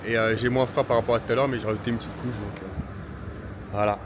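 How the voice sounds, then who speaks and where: A man's voice: mid-range voice, steady tone, fast. A man casually vlogging on a trip, chatty and enthusiastic, with plenty of fillers. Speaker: vlogger, influencer. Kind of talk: casual travel vlog, talking to camera. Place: hotel room and city streets. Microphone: handheld camera. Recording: noisy outdoor street ambience.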